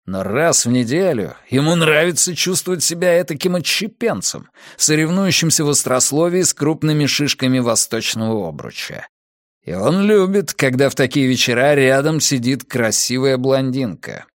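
Man voicing a cold young gang leader, flat commanding orders, audiobook, dry. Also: medium pitch, normal speed, no room sound, natural voice. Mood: cool.

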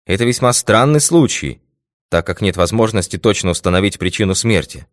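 A puzzled, careful army doctor speaks earnestly, as a man reads him aloud. The voice is low and deep. The sound is dry and close. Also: animated, brisk, no room sound, lightly acted.

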